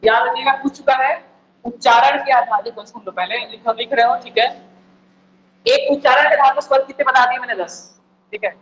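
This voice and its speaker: High-voiced male teacher quizzing students. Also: steady tone, moderate pace, a bit bright, dull audio. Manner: repeats points and quizzes the listeners with questions. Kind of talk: exam-prep lecture. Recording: echoey room, faint background noise.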